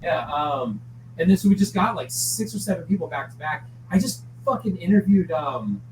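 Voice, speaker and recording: A man's voice: fairly high pitch, very animated, normal speed, a little mellow, a little hiss or hum, poor audio. A man chatting as a podcast guest, rambling and swearing freely, with lots of fillers and restarts. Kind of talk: casual chat.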